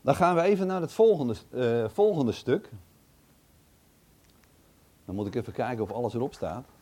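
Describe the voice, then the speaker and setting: A man's voice: mid-range voice, lively intonation, moderate pace, mellow. A man reading a Bible passage aloud and commenting on it casually, thinking aloud with hesitant, chatty asides. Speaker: Bible teacher.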